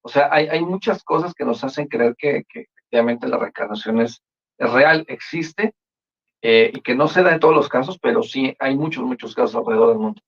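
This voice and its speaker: A panel guest joins a live-stream discussion over a video call, hesitating and repeating words as he thinks. His voice is mid-range and a little fast. The call audio is dull and lo-fi.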